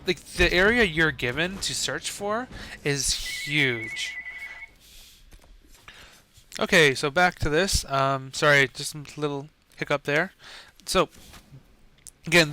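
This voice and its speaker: Young male game commentator: bright, forceful tone, slightly high voice, rambling casual delivery full of fillers. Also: takes it slowly, long pauses, a little hiss or hum. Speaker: gameplay commentator.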